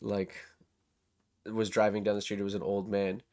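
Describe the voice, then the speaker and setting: Easy and loose, a man riffing and teasing himself; let the ends of thoughts drop off quietly. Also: fairly low pitch, level tone, normal speed. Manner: rambling, self-mocking, trails off quietly. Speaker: podcast co-host. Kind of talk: casual political chat.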